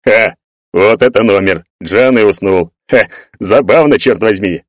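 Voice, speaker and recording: A man's voice: medium pitch, big pitch swings, a little fast, darkish tone, dry recording, studio quality, voice pushed up. A man voicing a blunt, teasing young male comrade in an audiobook. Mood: jovial. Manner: brash, teasing.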